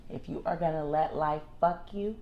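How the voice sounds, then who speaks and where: A woman's voice: low voice, steady tone, normal speed, gravelly, highs cut off, slight background noise. A wheezy-voiced woman co-hosting a casual podcast, speaking emphatically and repeating phrases in lists. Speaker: podcast co-host.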